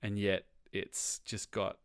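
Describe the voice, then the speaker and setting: A man's voice: on the low side, level tone, takes it slowly, clean tone, no echo, clean studio sound. A man co-hosting a podcast, rambling casually with restarts and chuckles. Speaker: podcast co-host. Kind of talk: casual comedic chat.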